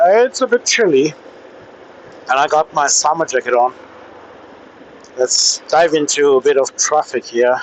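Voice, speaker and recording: Riding a motorcycle through traffic, a man with a fairly high voice vlogs casually as he tries out gear. He speaks hesitantly, pausing often, and his helmet intercom gives a low-quality recording with faint vehicle and air noise.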